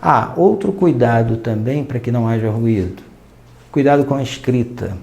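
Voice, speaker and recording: A man's voice: mid-range voice, expressive, moderate pace, gravelly, a little mellow. A man with a Brazilian Portuguese accent, a teacher explaining a lesson at length and acting out short quoted exchanges. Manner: explanatory, quoting and acting out small dialogues. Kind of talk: recorded online lesson.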